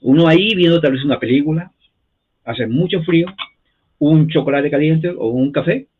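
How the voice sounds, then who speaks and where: A man's voice: on the high side, moderate pace, breathy edge. A man giving an informal history lesson in a chatty way, often repeating himself and checking in with his listeners. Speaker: history teacher. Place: lives in the United States. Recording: tinny phone-like sound.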